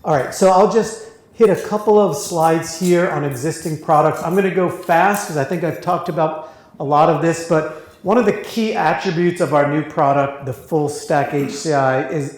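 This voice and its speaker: Brisk male presenter, fairly high voice, very echoey room. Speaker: company presenter. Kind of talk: live presentation with questions.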